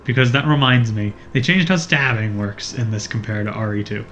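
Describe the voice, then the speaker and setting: A man commentates on a game in a mid-pitched, ordinary voice, dry and wry as he explains how its systems work. A faint room hum sits behind him. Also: a little fast, fairly bright tone, lo-fi sound. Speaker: let's play commentator. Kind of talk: casual gaming commentary.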